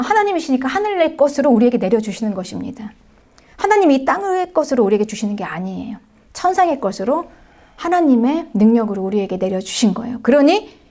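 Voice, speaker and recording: Higher-voiced woman pastor preaching animatedly. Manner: animated storytelling, acting out scripture voices; frequent affirming asides and soft drops to near-whisper. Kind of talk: sermon.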